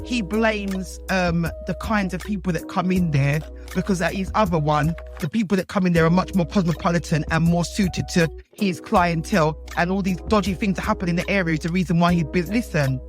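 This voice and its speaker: A woman's voice: on the low side, a little fast, few pauses, faint music behind. Chatty woman co-host from London. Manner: exclaiming, talks it through in long run-on turns. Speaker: podcast co-host. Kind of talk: casual chat.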